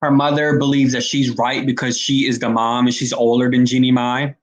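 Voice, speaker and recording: A man's voice: mid-range voice, flat delivery, normal speed, dull audio. A man hosting a casual commentary stream, talking bluntly to his viewers and rambling between points. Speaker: commentary host.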